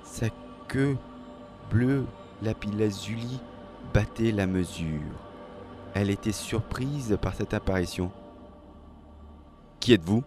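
A man reading a dramatic story aloud in a slow, measured, expressive way. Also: lowish voice. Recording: faint music behind.

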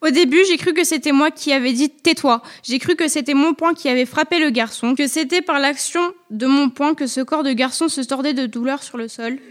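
Une femme qui lit un roman à la première personne, d'un ton posé et intime. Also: female voice, high voice. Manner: measured, intimate, literary. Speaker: audiobook reader. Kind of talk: first-person literary narration.

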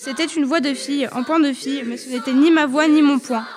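Une femme qui lit un roman à la première personne, d'un ton posé et intime. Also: female voice, high-pitched, steady tone. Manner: measured, intimate, literary. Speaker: audiobook reader. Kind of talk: first-person literary narration.

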